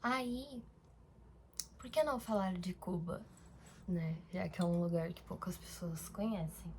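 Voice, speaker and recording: A young Brazilian woman rambles casually through a diary-style vlog, full of fillers and self-corrections. Her voice sits on the low side and she takes her time, with a little hiss or hum in the audio.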